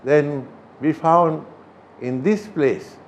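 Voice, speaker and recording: An older man from Sri Lanka, a Buddhist chief priest, answering interview questions in a halting way with many pauses. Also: on the high side, slight background noise. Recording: slightly dull recording.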